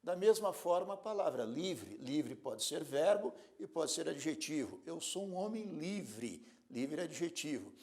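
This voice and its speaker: A man's voice: fairly high pitch, sing-song, measured pace, few pauses, darkish tone. A man teaching a grammar lesson, spelling out words and giving examples in a didactic way. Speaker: Portuguese teacher.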